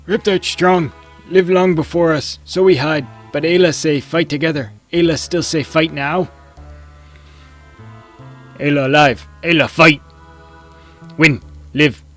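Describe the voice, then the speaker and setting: A man's voice: on the high side, steady tone, a little slow, long pauses, fairly bright tone, faint music behind, voice pushed up. A man voicing blunt prehistoric cave-dwellers from a video game in a dopey, bellowing voice and broken speech. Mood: grim, forceful. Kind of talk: reading game dialogue aloud in character.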